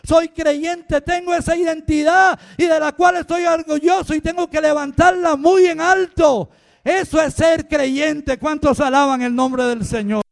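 An older man from Rica, preaching an impassioned sermon that swings between quiet talk and shouting. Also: very high voice, fairly even intonation, unhurried, creaky. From Costa Rica.

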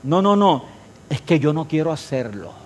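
Middle-aged male preacher, high voice, playful with his flock, swings between loud and hushed. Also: very animated, normal speed, a little hiss or hum. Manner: jokes with the congregation, shifts between loud and quiet. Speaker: pastor. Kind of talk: sermon.

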